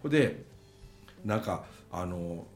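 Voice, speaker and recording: A man's voice: sits low, expressive, takes it slowly, echoey room, soft background music. A middle-aged man with a Kansai accent, telling a funny story in casual chat, laughing as he goes. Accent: Kansai Japanese. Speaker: podcast host.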